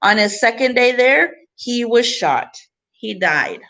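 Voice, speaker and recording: Her voice on the high side, a bit bright and full of lively intonation, a woman teacher reads a picture book to students in short, deliberate phrases with teaching asides mixed in.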